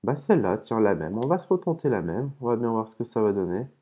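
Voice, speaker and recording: A man hosting a casual gaming video, explaining terms patiently between hesitant pauses and muttered curses at his own mistakes. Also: fairly low pitch, very animated, mellow, husky. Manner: hesitant, with frequent "euh" and restarts. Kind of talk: casual commentary while opening game cases.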